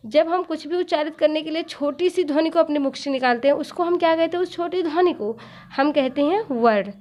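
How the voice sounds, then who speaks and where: A woman's voice: high voice, darkish tone. A woman teaching a lesson, who asks questions and answers them herself and repeats each point. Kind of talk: explanatory lesson. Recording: dull lo-fi recording.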